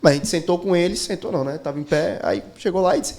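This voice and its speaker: A man hosts a relaxed conversation, talking fast and telling stories with lively impressions. His voice sits a little high for a man. He rattles through anecdotes at a quick clip. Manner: animated storyteller, mimics people mid-story. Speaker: videocast host. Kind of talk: casual chat.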